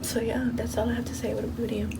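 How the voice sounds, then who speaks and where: A young woman vlogging in a college dorm room, talking in a relaxed, slightly hesitant way with fillers. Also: on the high side, quick pace, creaky, background noise. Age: young adult. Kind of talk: casual chat.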